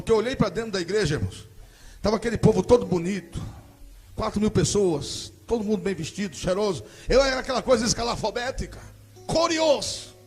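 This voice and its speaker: A man with a Brazilian Portuguese accent, an evangelist giving a dramatic testimony sermon with vivid storytelling that swells into loud preaching. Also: very high voice, husky.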